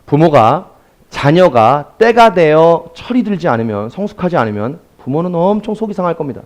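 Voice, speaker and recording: A man's voice: fairly high pitch, big pitch swings, normal speed. A man preaching a Sunday sermon as pastor, speaking directly to his congregation.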